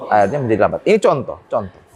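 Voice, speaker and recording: A man's voice: huge pitch swings, very fast, darkish tone. Hesitant man rising to emphatic points. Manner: many hesitations, rises in pitch when making a point. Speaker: port business guest. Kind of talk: interview answers.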